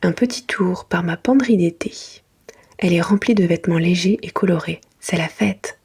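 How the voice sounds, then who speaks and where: A woman reading a children's storybook in a hushed, breathy library whisper, in a soft ASMR style. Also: fairly low pitch, normal speed. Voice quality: breathy, unvoiced.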